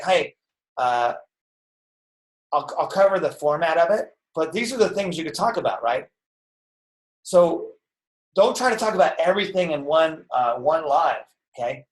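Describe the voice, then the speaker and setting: Man, slightly high-pitched, casual and energetic trainer; echoey room sound. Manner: energetic and chatty, full of "okay" and "right". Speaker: network marketing trainer. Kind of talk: casual live-stream training talk.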